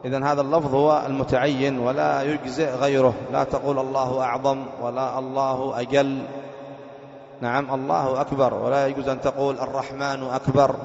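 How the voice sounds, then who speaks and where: A sheikh teaching a classroom lesson on Islamic jurisprudence, explaining slowly, repeating phrases and asking his students questions. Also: medium pitch, level tone, gravelly, a little mellow. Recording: dull echoey hall recording.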